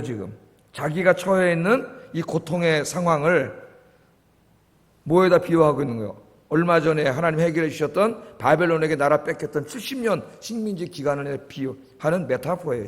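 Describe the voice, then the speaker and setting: A man preaching a sermon as pastor, animated and often prompting the congregation for a response. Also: fairly high pitch. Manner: acts out quoted voices and jokes with listeners. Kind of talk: sermon at a dawn service. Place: church sanctuary. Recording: long church reverb.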